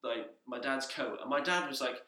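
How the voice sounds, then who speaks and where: A man's voice: mid-range voice, normal speed, pushed and bright, reverberant. A young man co-hosting a podcast, telling rambling anecdotes in casual chat with fillers and laughs. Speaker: podcast co-host.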